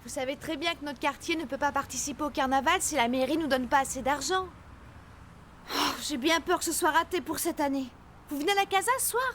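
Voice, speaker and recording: A woman voicing an earnest, determined girl in an animated cartoon. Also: high-pitched, fairly quick, a little hiss or hum. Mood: disappointed.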